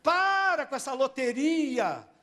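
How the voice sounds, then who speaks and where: A high-pitched man preaches slowly and deliberately, as a pastor giving a sermon in church. He drops to near-whispers, then climbs loud again, and keeps calling on his listeners to say amen. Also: big pitch swings. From Brazil. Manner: keeps asking the congregation for amens, swings between soft and loud.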